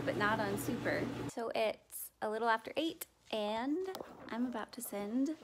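Holding her camera at arm's length indoors, a young vlogger who pet-sits chats happily with her animals. Her voice leans high, and the background is noisy.

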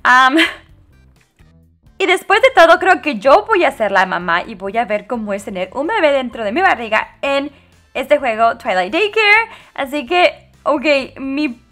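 Woman game host, bright high voice, dramatic exclamations, casual commentary. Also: a little slow, faint music behind. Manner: animated, dramatic exclamations and giggles.

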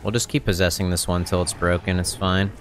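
A man's voice: low voice, level tone, fairly quick. A man in his thirties giving casual gameplay tips and commentary into a close microphone as a streaming host. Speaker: game streamer and tutorial host. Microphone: close microphone on a boom arm. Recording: close mic with clear background noise.

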